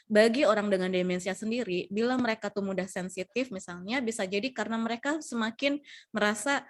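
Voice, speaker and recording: A young adult woman presents a health lesson on supporting older relatives. She speaks in a mid-range voice, explaining step by step and often pausing to restart a phrase. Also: medium pitch. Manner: explanatory, many fillers and restarts, acts out quoted lines. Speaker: health educator.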